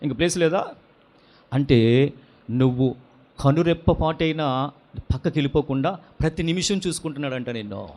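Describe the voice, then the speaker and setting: A man pastor preaching a sermon, asking his congregation question after question and swinging between loud and soft delivery. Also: on the high side, animated, moderate pace, pauses often.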